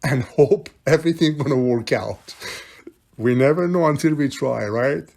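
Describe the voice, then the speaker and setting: An older man who repairs electronics as a hobby talks through working on a radio in his home workshop, chatty and thinking aloud in a casual tutorial. His mid-range voice moves at normal speed, creaky and a little mellow.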